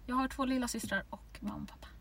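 Teen woman, 18, podcast co-host, chatty and giggly, slightly high voice. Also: steady tone, fairly bright tone, distant mic, slight background noise. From Sweden. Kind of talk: casual chat.

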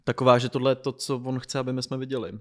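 A man's voice: medium pitch, monotone. A man hosting a casual podcast chat, who thinks aloud and gives long, reflective explanations.

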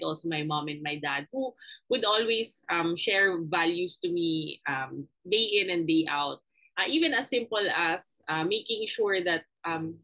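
Earnest Filipino woman, lowish voice. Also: bright, forceful tone, rough recording. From Philippines. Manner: earnest, reflective, many fillers. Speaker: guest. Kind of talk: conversational interview.

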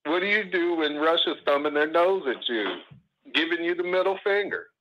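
A man's voice: on the high side, animated, moderate pace, a little hiss or hum. Blunt male caller over the phone. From Oakland, California. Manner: blunt, argumentative, rhetorical questions. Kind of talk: call-in talk radio. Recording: muffled phone line.

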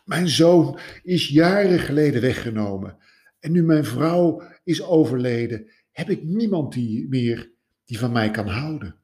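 A man's voice: mid-range voice, expressive, a little mellow, pitched above the performer's own voice. A man voicing a grieving, drunk middle-aged widower who sobs and stumbles over his words. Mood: sorrowful. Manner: sobbing, halting, stumbling over repeated words.

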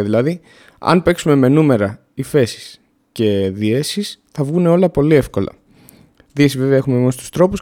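A man's voice: mid-range voice, darkish tone. A man teaching music theory in a casual podcast lesson, explaining in a plain, down-to-earth way and counting off notes and steps.

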